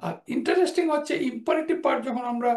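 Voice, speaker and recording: A man teaches grammar at a measured pace, repeating each example word. His voice has a gravelly edge. The recording picks up the echo of the room. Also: very high-pitched, darkish tone. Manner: slow, deliberate explanation, repeating example words. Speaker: Quranic Arabic teacher.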